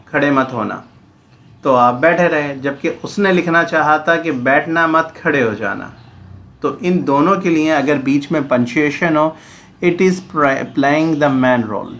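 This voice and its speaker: Man, grammar lesson, mid-pitched voice, slight background hiss. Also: a bit bright. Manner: explains in Urdu mixed with English. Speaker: teacher.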